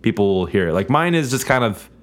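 A man co-hosting a casual podcast, animated and a bit excitable, swearing casually. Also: on the low side, quick pace. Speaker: podcast co-host. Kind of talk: casual chat.

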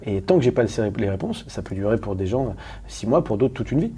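A man from Paris, a guest talking candidly in an interview, rapid and emphatic with many restarts and questions to the listener. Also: fairly low pitch, big pitch swings, warm tone, husky. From Paris, France.

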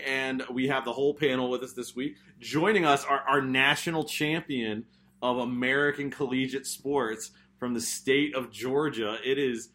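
A man hosts a sports panel podcast in a Baltimore accent. His voice is bright and forward, at an average male pitch. He talks casually, with a wry, joking touch. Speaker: podcast host.

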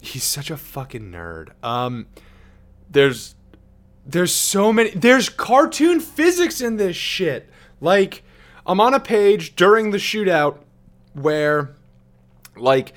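A man co-hosting a podcast, talking casually with lots of swearing and excitable outbursts. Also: fairly high pitch. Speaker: podcast co-host.

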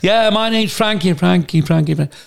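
A man with a fairly high voice mimics a digital reverb echo, repeating each word as if it returned from a delay. He lifts his voice and speaks louder as he does it. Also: brisk, vocal fry. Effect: imitated reverb echo, words repeated fading. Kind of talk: casual chat, storytelling.

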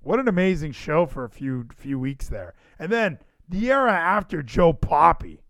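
A man's voice: a little high, big pitch swings, moderate pace, fairly bright tone, no room sound. A man hosting a podcast livestream in casual chat, rambling and emphatic, repeating phrases for effect. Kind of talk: casual wrestling show chat.

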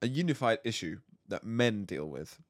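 A British man co-hosting a podcast, chatting casually and teasing with quick jokes. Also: on the low side, big pitch swings, dry recording, studio quality. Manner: joking, teasing, quick to laugh. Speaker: podcast co-host. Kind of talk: casual chat.

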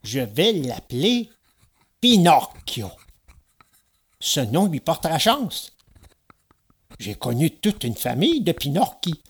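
A man's voice: a little high, very animated, slow, long pauses, husky, exaggerated voice. A man reading a storybook aloud, voicing a fussy, easily vexed old woodcarver with theatrical exclamations. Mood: musing.

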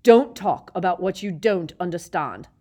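A woman's voice: fairly low pitch, moderate pace, dark tone, lightly acted. A woman reading aloud and voicing a cold, bitter middle-aged male teacher with a silky, sneering manner in a storybook. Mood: menacing. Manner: sneering, silky, rising to shrieks.

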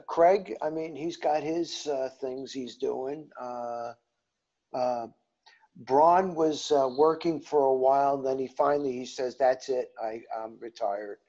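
A man's voice: mid-range voice, vocal fry, mellow, dull audio. An older man with a New Jersey accent, a veteran guest talking casually on a call, rambling with many fillers. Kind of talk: casual video-call interview.

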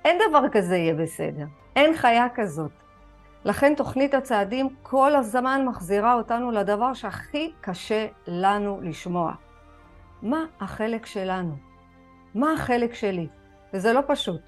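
Israeli woman, group facilitator, fairly high voice, emotional storytelling, video call, faint music behind. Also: lively intonation. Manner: emotional storytelling, acts out her own prayers and dialogues. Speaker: spiritual recovery group facilitator. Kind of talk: personal talk to an online group.

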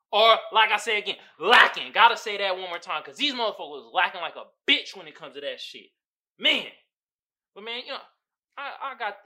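Profane, animated male podcast host. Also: high voice. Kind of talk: casual podcast rant.

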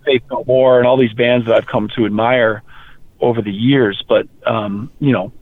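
A man from rural Maine, a heavy metal musician, talking casually in an interview, animated and quick to repeat words. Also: medium pitch. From rural Maine, USA. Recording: tinny phone-like line.

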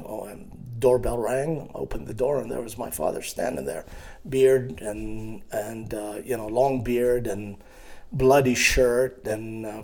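A man in his sixties from Iraq, telling his life story in an interview with a hesitant, halting manner and many fillers. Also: medium pitch, gravelly, warm tone. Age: 60s. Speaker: guest.

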